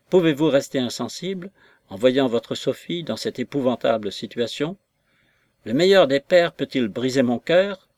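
A tender young daughter who begs her father with rising emotion, as a male reader voices her. The voice sits a little above his usual pitch. The sound is dry and close to the mic. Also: darkish tone, dry recording. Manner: imploring and emotional.

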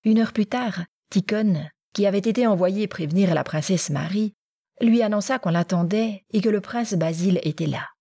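A woman narrating a classic novel in an even, measured reading. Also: mid-range voice, slightly rough, no echo, studio quality. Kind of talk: scripted audiobook narration.

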